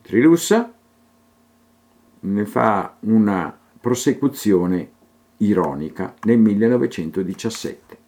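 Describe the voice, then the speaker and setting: A man's voice: fairly low pitch, darkish tone, breathy edge. A man narrating a literary text and reading a poem aloud, with his voice rising and falling expressively through the verse.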